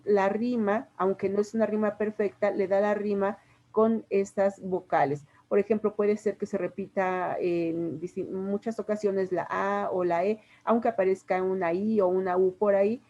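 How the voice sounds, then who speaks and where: A woman's voice: medium pitch, mellow, lo-fi sound. A woman with a Mexican Spanish accent, a literature teacher patiently explaining poetry to a class step by step with examples. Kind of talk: classroom lesson.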